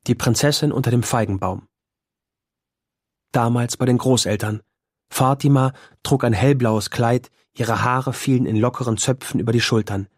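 A man narrating a first-person novel as an audiobook, with a husky voice at a mid pitch. He tells the story in a measured, quiet way. The recording is dry and close. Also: no room sound.

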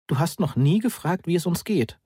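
A man's voice: on the high side, lively intonation, moderate pace, mellow, breathy edge, dry recording, studio quality, voice pushed up. A man voicing a worried middle-aged mother who keeps herself tightly controlled, icily polite and clipped. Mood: coldly controlled.

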